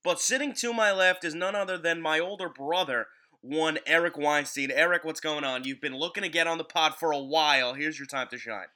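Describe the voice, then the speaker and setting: A man's voice: fairly high pitch, fairly quick, sharp tone. A man hosting a casual sports podcast, recorded in a home basement. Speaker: podcast host. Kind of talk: casual sports podcast chat about wrestling.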